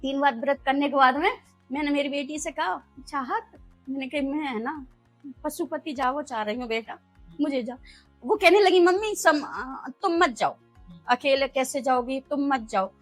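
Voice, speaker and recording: High-voiced earnest woman vendor. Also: normal speed, no room sound, faint music behind, poor audio. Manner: earnest storytelling, acts out dialogue. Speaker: street food vendor. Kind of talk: emotional personal interview.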